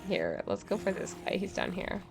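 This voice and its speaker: A woman's voice: medium pitch, sing-song, normal speed, faint music behind. A woman streaming a game, chatting casually and thinking aloud while she plays, with frequent laughs. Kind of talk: casual gameplay commentary.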